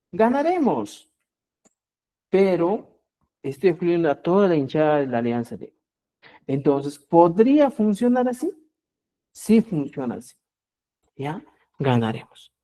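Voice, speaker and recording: Male tutor, warm low timbre, lively pitch swings on examples, often asks if viewers follow. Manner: addresses viewers as "estimados amigos", asks "¿ya?" often. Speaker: Quechua language teacher. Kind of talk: online grammar lesson.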